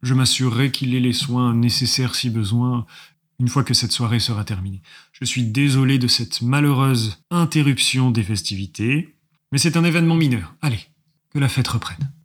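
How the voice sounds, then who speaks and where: A man voicing a refined woman hosting a soirée, speaking softly and soothingly in a husky voice. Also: mid-range voice, normal speed, natural voice. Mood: gracious. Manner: gentle, soothing and polite.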